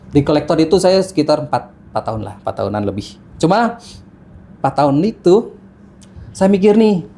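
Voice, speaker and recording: A man's voice: fairly high pitch, very animated, brisk, creaky, dark tone. A man in his thirties, a podcast guest telling his life story in casual chat, with many fillers and restarts. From Jakarta, Indonesia. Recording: faint background noise.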